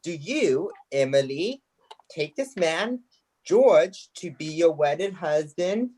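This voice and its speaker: A girl playing a solemn, breathy minister. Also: sits low, animated, darkish tone, full character voice. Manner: solemn, measured. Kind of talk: amateur play reading.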